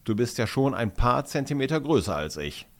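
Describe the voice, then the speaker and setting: A man reading aloud, voicing a friendly, eager boy footballer with a lively, exclamatory way of talking. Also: medium pitch, brisk. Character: sporty schoolboy, eager and friendly.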